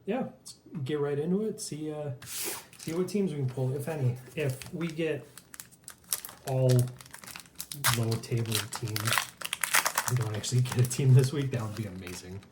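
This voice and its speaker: A man's voice: medium pitch, normal speed, long pauses. A man chatting casually as co-host of a pack opening. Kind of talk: casual chat. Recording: echoey room with faint noise, crinkling packs.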